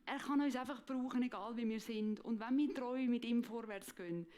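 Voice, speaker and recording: A woman with a Swiss German accent giving an emotional, halting faith testimony, often repeating words. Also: a little high, mellow. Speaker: guest speaker.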